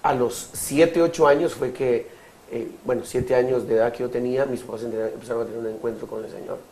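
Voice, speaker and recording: A Guatemalan man in his thirties giving his testimony in an interview, speaking haltingly with many fillers and restarts. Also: medium pitch, steady tone, darkish tone, a little hiss or hum, rough recording. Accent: Guatemalan Spanish. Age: 30s. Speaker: interview guest.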